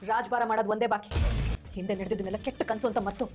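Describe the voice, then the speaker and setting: An actress in a TV serial playing a scheming, power-hungry mother, forceful and gloating in her talk. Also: medium pitch, fairly even intonation, very fast, close to an everyday voice. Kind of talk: TV serial acting. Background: background music score.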